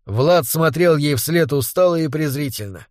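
A man narrating an audiobook with a fairly high-pitched voice. He reads in a measured, dramatic way, and the sound is close and dry, with no room echo. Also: lively intonation, a little mellow. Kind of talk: scripted narration.

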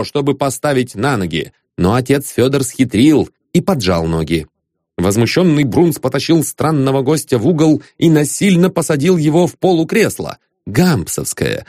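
Expressive storyteller, animated and dry, reading satire aloud. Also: male voice, mid-range voice, dry recording. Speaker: audiobook narrator. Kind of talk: scripted narration of a satirical novel.

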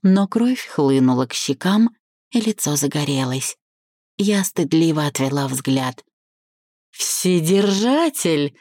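A woman reads a first-person novel aloud, expressive and measured. Her voice sits low and husky with a mellow, dark tone. The recording is dry and close. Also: dry recording. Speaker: audiobook narrator.

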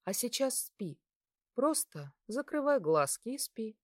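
Tender, possessive male texter for a read-aloud story, woman reader, quiet and slow. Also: fairly high pitch, big pitch swings, no room sound, studio quality. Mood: soft intimacy.

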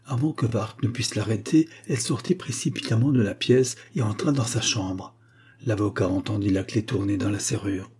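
A man reading an audiobook novel in measured, scripted narration. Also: on the low side, a little mellow, husky. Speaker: audiobook reader.

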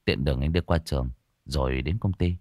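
A man voicing a calm, protective older brother who speaks softly and reassuringly. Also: rumbling low, brisk, no echo, studio quality, pitched below the performer's own voice.

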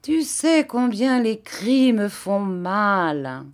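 A woman's voice: fairly low pitch, very animated, slow. Woman doing Garofoli, a cruel sugary-voiced master. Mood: mock-tender menace. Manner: soft, mocking menace.

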